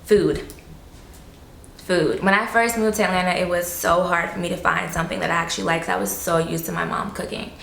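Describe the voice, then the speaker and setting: A woman's voice: on the low side, fairly even intonation, brisk, creaky, fairly bright tone, roomy sound, a little hiss or hum. A woman from South Florida, chatting loosely as an interview guest, full of fillers and casual swearing.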